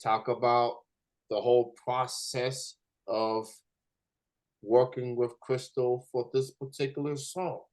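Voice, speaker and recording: A man with an American accent hosting a casual interview in a halting way, often repeating his words. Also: mid-range voice, little pitch movement, darkish tone. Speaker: interviewer, host.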